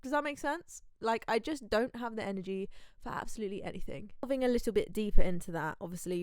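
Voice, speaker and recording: A woman's voice: fairly low pitch, darkish tone, clean tone, dry recording, studio quality. Candid chatty young woman podcaster. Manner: chatty and candid, with frequent rhetorical asides. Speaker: podcast host. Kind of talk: casual solo podcast monologue.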